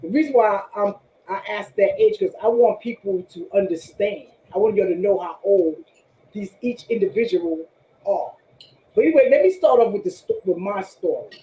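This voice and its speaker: A woman's voice: mid-range voice, normal speed, roomy sound, lo-fi sound. A woman in her sixties hosting a casual online panel and telling a story from her own life, talking freely and often repeating herself. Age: 60s. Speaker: panel host. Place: online group voice call.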